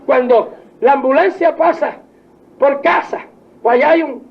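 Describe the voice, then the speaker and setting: An older man with an extremely high, creaky voice delivers a fervent old-time revival sermon, drawing out his phrases for emphasis and shouting hallelujahs. The recording is a dull lo-fi archive tape with a faint congregation audible.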